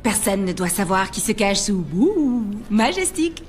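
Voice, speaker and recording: A woman playing an excitable, encouraging school squad leader in a family comedy film, with an exuberant, urging manner. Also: medium pitch, unhurried, a little hiss or hum. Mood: admiring, urgent.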